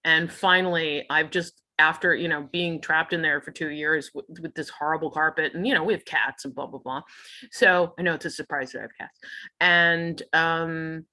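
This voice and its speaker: A woman's voice: sits low, fairly even intonation, moderate pace, pushed and bright. A middle-aged woman musician chatting as a guest in an interview, talkative and laughing often between phrases. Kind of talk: casual interview chat.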